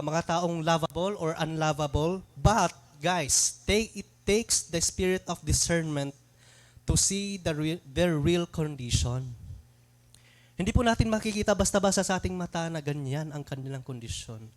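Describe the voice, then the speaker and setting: A young man preaching a sermon in a conversational way, asking rhetorical questions, slipping English phrases in, and sometimes stumbling and restarting words. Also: on the high side. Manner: mixes English phrases into his talk.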